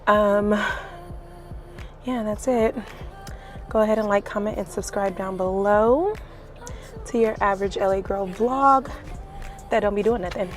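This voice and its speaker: A woman's voice: mid-range voice, fairly even intonation, unhurried, long pauses, faint music behind. A young woman vlogger chatting casually and slangily, laughing often as she talks. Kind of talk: casual vlog chat. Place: in a car.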